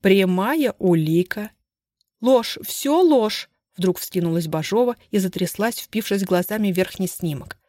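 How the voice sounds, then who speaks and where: A woman reads a detective novel aloud in a measured, expressive voice of middling pitch. The recording is close and dry with no room sound. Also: no room sound. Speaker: audiobook narrator. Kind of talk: scripted narration of a detective novel.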